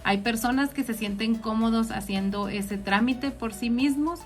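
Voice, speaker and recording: An accountant from Ciudad Juárez, Mexico, with a northern Mexican accent hosts an informal live Q&A, explaining things directly to her listeners. Her voice is fairly high at a normal speed, with soft music in the background.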